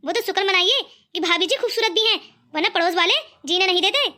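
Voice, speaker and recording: A woman's voice: extremely high pitch, fast, pushed and bright. A woman voicing a kind young man in a cartoon who pleads and teases lightly. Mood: pleading. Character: kind cheerful young man defending his sister-in-law.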